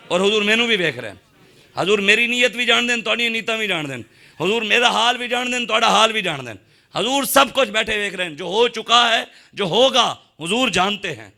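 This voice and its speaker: A man's voice: high-pitched, pushed and bright. A man with a Punjabi accent preaching a sermon in an impassioned way, firing rhetorical questions at his listeners. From Pakistan.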